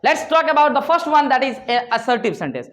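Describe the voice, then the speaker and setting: High-voiced Indian man teaching a class. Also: sing-song, a bit bright. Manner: slow, spelled-out English, quick Hindi explanations, keeps checking understanding. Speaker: English teacher. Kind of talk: classroom lecture mixing Hindi and English.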